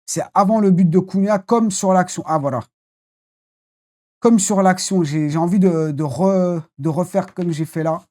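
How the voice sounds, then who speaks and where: A football channel host giving a casual, rambling live debrief after a match, blunt and quick to swear. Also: mid-range voice, warm tone.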